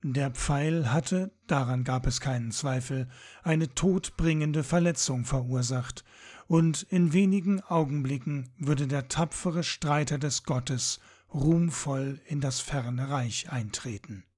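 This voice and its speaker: A man reading a fantasy audiobook in a measured, dramatic storytelling manner. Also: medium pitch, darkish tone. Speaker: audiobook narrator. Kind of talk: scripted fantasy narration.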